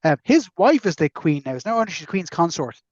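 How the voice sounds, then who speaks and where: Lively Irish man, higher pitch, lo-fi. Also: dry recording. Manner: joking, quick quips. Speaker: podcast co-host. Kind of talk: casual chat.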